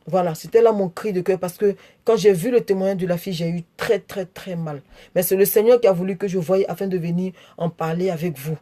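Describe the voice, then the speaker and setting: A woman giving a live-streamed exhortation, repeating phrases for emphasis and warmly greeting her viewers by name. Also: fairly low pitch, brisk. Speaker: online preacher.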